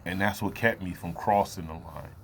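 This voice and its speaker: A man in his late thirties giving a reflective personal talk to camera, loose and halting, with many fillers and pauses. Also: low voice, creaky, fairly bright tone, a little hiss or hum. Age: 30s. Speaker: vlogger.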